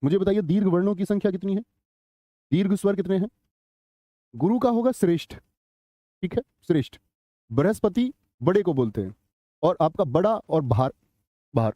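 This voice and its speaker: A man's voice: high voice, lively intonation, moderate pace, long pauses, mellow, dry recording. A middle-aged man teaching a live online grammar class, chatty, telling anecdotes and quizzing students.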